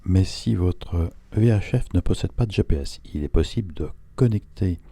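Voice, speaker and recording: A man's voice: low-pitched, moderate pace, vocal fry, mellow. A man reading a scripted instructional narration in a didactic, step-by-step way, as an instructor would.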